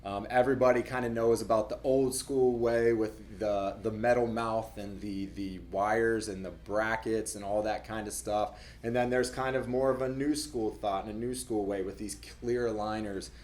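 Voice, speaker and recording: Casual, low-voiced man explaining dental care. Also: fairly even intonation, normal speed, hardly any pauses, a little mellow, a little hiss or hum. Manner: conversational, repeats words, fillers. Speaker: dentist. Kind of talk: casual explainer talk to camera.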